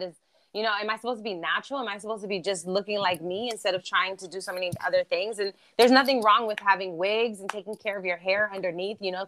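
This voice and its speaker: Her medium-pitched voice sounds pushed and bright, with a slight hiss or hum in the audio. She was born in Germany, grew up speaking German, and talks in East Coast American English as an upbeat, motivational interview guest in relaxed, chatty conversation.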